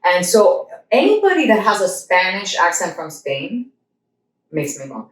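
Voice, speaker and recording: A chatty woman hosts a relaxed conversation, telling stories with plenty of self-quoting. She sits a little away from the mic in an echoey room, and her voice sits slightly lower than most. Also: moderate pace, recorded from a distance. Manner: chatty storyteller, acts out what others said. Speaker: host. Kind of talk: casual chat.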